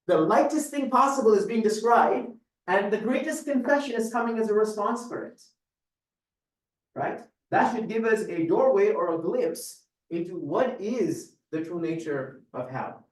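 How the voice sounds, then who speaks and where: A man's voice: high voice, lively intonation, measured pace. A man giving a religious lecture, explaining words one by one and checking in with his audience. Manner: explains word by word, checks in with "right?". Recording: echoey room from a distance.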